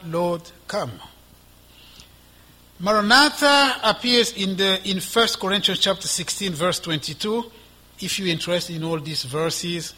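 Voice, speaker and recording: Slow husky preacher, bright voice. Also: male voice, high-pitched. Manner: slow, deliberate reading with emphatic rises; asides with soft laughter. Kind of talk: sermon with scripture reading.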